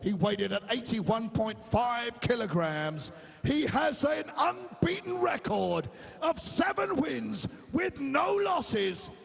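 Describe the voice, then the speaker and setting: A male ring announcer introduces fighters in a gravelly, booming voice that swings dramatically up and down. He stretches out names in drawn-out cries, and the sound rings with long hall reverb. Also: sing-song. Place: large fight arena.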